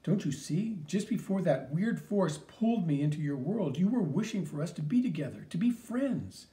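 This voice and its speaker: A man reading an audiobook, voicing an earnest heroic flying cartoon mouse with a steady, confident, encouraging manner. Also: high voice, moderate pace.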